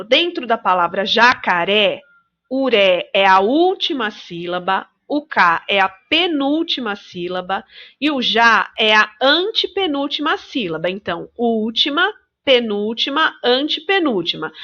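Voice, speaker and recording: A Brazilian woman teacher talks through slides to young children in a patient, clear way and stretches each example word out slowly. Her voice is bright and fairly high. It comes through a dull, lo-fi recording. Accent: Brazilian Portuguese. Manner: slow, drawn-out pronunciation of example words; patient, addresses children directly. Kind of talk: remote primary school lesson.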